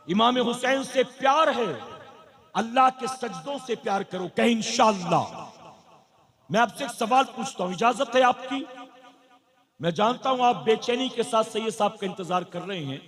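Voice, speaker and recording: Male preacher, very high pitch, impassioned sermon style, heavy reverb of a public address system. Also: fairly bright tone. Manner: impassioned, fires rhetorical questions at the crowd. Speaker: preacher at a religious gathering. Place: large public gathering. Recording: long hall reverb from PA.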